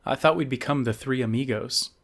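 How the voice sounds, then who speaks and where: A man voicing a wisecracking teenage boy in a novel reading, teasing with quick quips. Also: mid-range voice, a bit bright.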